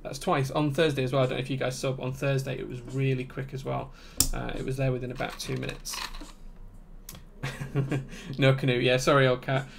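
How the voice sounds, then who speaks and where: A man with a broad Yorkshire accent chatting casually as he hosts a livestream, relaxed and conversational. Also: mid-range voice, quick pace, gravelly, hardly any pauses, noisy background. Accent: broad Yorkshire English. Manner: relaxed, conversational, reading out chat comments. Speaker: livestream host and keyboard builder.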